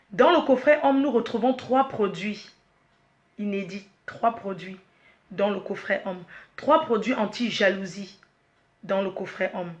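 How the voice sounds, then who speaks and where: A woman, the head of her company, presenting a product launch slowly, repeating herself, restarting, and apologizing while she is emotional and choked up. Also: mid-range voice, lo-fi sound. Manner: slow, repetitive, with frequent restarts and apologies.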